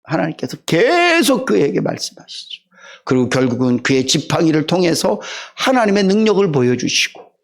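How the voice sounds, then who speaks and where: A middle-aged man preaching a Sunday sermon in a high, lively voice that swings up and down as he retells the story. He keeps asking the congregation questions. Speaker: pastor.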